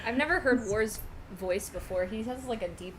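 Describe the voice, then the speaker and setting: A woman co-hosting a casual group livestream chat, talking in a relaxed, chatty way with many fillers. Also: fairly high pitch, normal speed, a crowd in the background. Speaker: livestream co-host.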